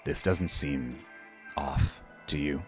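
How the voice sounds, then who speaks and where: A man voicing a quiet, brooding otherworldly inspector who talks low and measured in a horror story. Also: soft background music. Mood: quiet, troubled.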